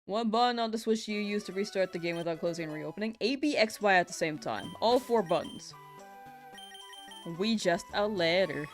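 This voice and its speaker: A woman's voice: mid-range voice, fast, few pauses, soft background music. A young woman streaming a game, chatting casually and giggling as she reads viewer messages. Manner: laid-back, giggly, chatting with viewers while hunting in a game. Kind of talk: casual live-stream chat.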